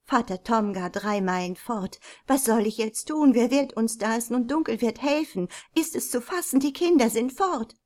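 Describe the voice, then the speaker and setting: A woman's voice: fairly high pitch, moderate pace, darkish tone, close to an everyday voice. A woman reading aloud, voicing an anxious widowed mother in an old storybook, urgent and pleading. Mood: frantic.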